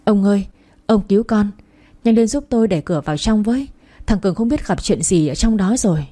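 A woman voicing an anxious, doting middle-aged mother who pleads tearfully, with a husky, dark voice. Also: a little high, fast talker, close to an everyday voice. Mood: pleading.

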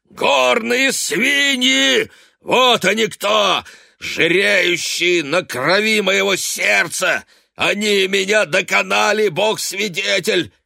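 A man reading the part of a drunk, raging older father who bellows curses and pities himself in a drawn-out howl. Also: high voice, animated, gravelly, sharp tone, no echo, clean studio sound, pitched above the performer's own voice, full character voice.

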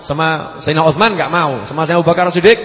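A man teaching in a sermon, moving between loud, rising questions and soft, low asides. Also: very fast, big-room sound. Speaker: religious teacher. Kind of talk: Islamic study sermon.

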